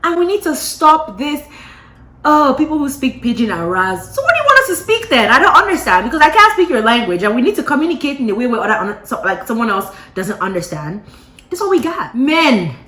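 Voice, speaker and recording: Nigerian woman ranting on her vlog, bright voice, swings up and down a lot. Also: high voice, fast, roomy sound. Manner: animated, ranting, laughs often. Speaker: vlogger. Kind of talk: casual gist chat.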